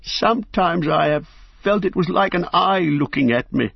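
A man putting on a fussy, excitable old hobbit who flutters high and swoops about in his speech, with a husky, gravelly edge underneath. He talks in eager, breathless bursts. The storybook recording is dry and a little dull. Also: moderate pace, no room sound, full character voice. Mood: uneasy.

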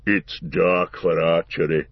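A man voicing a gruff booming dwarf warrior. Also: flat delivery, takes it slowly, no room sound, muffled recording, heavily acted. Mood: weary.

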